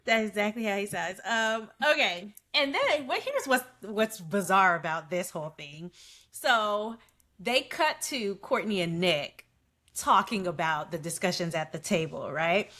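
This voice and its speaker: A woman co-hosting a podcast, chatting casually and animatedly about a reality show. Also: medium pitch. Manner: animated, quotes people in quick put-on voices. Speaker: podcast co-host.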